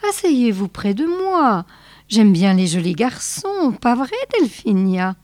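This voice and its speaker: A woman voicing a brash, impatient old woman who cackles and speaks in a high, loud, brusque voice. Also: big pitch swings, slow pace, dry recording. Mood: coaxing.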